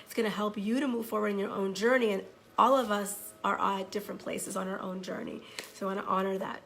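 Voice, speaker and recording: A hoarse woman with a cold, a divorce coach talking live to viewers, greeting them by name and speaking with many fillers. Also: medium pitch, level tone, quick pace, fairly bright tone, slight background noise. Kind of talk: live-streamed coaching talk.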